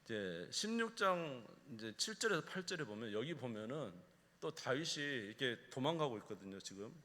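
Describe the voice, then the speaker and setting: A man's voice: mid-range voice, fairly bright tone. A male pastor preaching a sermon, emphatic and often asking the congregation questions. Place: church sanctuary. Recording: echoey church hall.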